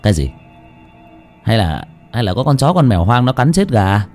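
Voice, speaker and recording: A man's voice: fairly low pitch, very animated, moderate pace, darkish tone, soft background music. A man voicing a stingy, impatient rich master of the house who barks brusque questions. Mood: irritated.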